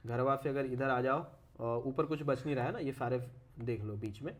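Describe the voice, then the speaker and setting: A man's voice: mid-range voice, normal speed. Casual man walking through a map. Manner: keeps saying "okay" and corrects his own pronunciation; addresses viewers as "brother". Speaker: educational video creator.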